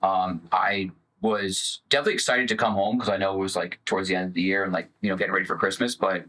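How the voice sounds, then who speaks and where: A man's voice: low-pitched, steady tone, fast, sharp tone, rough recording. A man in a band, chatting casually with bandmates and filling his talk with "like.". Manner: rambling, lots of "like" fillers. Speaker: band member. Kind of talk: casual group chat.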